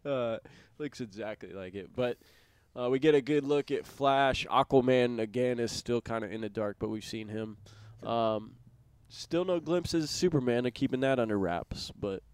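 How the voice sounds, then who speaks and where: A man's voice: medium pitch, moderate pace, clear, resonant tone, dry recording. Male podcast co-host, easygoing slangy chatter, dead-dry room. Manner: laid-back, says "dude" a lot, trails off with fillers. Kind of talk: casual chat.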